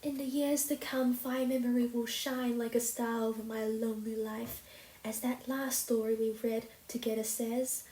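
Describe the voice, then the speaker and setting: A woman voicing a dramatic, romantic young orphan girl who speaks in high-flown, theatrical phrases. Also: fairly even intonation, moderate pace, warm tone, close to an everyday voice. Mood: solemn. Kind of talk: storybook reading. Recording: roomy echo.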